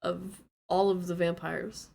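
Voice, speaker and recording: A woman's voice: fairly low pitch, level tone, unhurried, gravelly, mellow. A woman co-hosting a podcast in casual chat, matter-of-fact as she corrects her co-host, laughing often.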